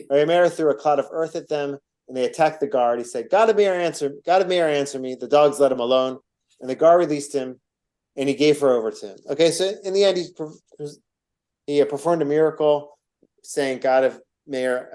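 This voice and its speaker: A man's voice: on the high side, a little fast, darkish tone. Man retelling a story in class, meandering. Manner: rambling, with many restarts and asides. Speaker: teacher of a class on rabbinic stories.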